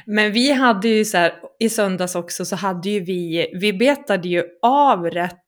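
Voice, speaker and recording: A woman in casual chat, an animated storyteller who acts out quoted reactions. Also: mid-range voice.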